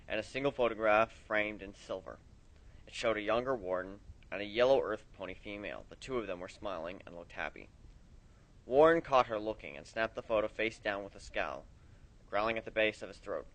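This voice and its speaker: A man reading fan fiction aloud, expressive, his loudness rising and falling with the story. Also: fairly low pitch, low-quality recording.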